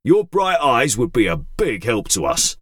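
A man voicing a big, square, friendly male robot mechanic who speaks helpfully in a slightly lower voice. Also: wildly swooping pitch, a little slow, a bit bright, no room sound, clean studio sound.

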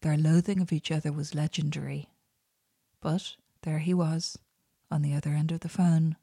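A woman narrating an audiobook in a soft, unhurried, intimate way. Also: low-pitched, flat delivery, creaky, slightly rough, no room sound, clean studio sound.

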